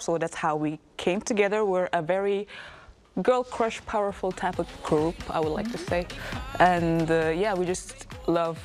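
Young woman guest from Senegal, lower voice, friendly and chatty. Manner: friendly and chatty, with frequent fillers and laughs. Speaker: guest, K-pop group leader and rapper. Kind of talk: casual interview chat.

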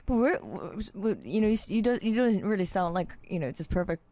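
A woman hosting an interview, asking halting, casual questions full of fillers. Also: medium pitch, lively intonation, warm tone. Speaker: interview host.

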